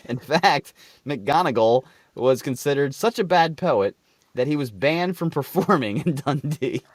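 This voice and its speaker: A man's voice: fairly high pitch, a little slow, no echo, studio quality. A man co-hosting a comedy podcast, telling stories with lots of jokes and laughter. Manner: joking, laughs often, animated storytelling. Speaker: podcast co-host. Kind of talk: casual comedic chat.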